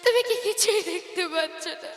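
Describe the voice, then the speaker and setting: A woman's voice: very high voice, a little fast. A woman playing an anguished, pleading, devout heroine in a folk stage melodrama. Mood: desperate pleading. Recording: echoing hall, long reverb, loud music.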